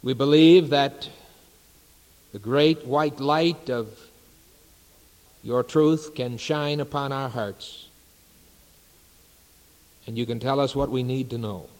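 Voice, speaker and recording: A male pastor leads his congregation through scripture and prayer at a slow, deliberate pace, leaving reverent pauses between phrases. His voice sits at an ordinary middle pitch. A long reverb trails every word in the large sanctuary. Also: a little mellow. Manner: unhurried, measured preaching with reverent pauses. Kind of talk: sermon. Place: church sanctuary.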